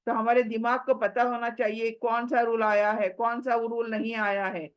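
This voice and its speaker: A woman's voice: fairly high pitch, little pitch movement, moderate pace, clear, resonant tone, lo-fi sound. A woman teaching Quran recitation rules in an online class, drilling words with repeated questions and spelling sounds letter by letter.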